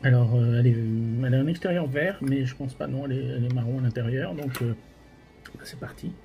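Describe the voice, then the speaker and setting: Halting Frenchman, mouth burning from spicy food. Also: mid-range voice, gravelly, warm tone, faint music behind. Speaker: host of a hot sauce tasting challenge. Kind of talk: casual commentary while tasting.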